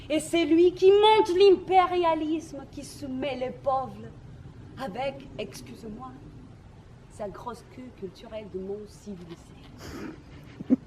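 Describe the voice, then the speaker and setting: An actress in a theatrical monologue, playing a bitter, mocking Irish woman who rants against the English with crude sarcasm and sudden shouted outbursts. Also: a little high. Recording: noisy camcorder recording.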